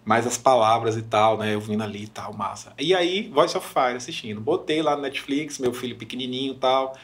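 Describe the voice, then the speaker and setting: A young Brazilian man, a worship minister, chatting on a podcast and telling stories with lively, emotional retellings. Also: medium pitch, brisk. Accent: Brazilian Portuguese. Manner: animated storyteller, acts out quoted voices. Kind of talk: casual podcast chat.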